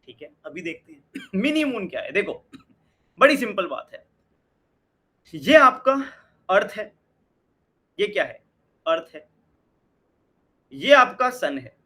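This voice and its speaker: A man's voice: high-pitched, big pitch swings, takes it slowly, long pauses, bright, forceful tone. A young Indian man teaching an exam-prep lesson in mixed Hindi and English, asking questions and answering them himself. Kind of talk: energetic Hindi-English lecture.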